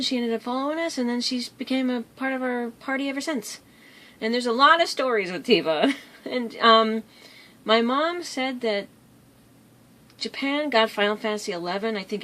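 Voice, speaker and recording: A woman vlogger tells stories casually and rambles, drifting off track easily. Her voice is a little high, with a bright, forceful tone.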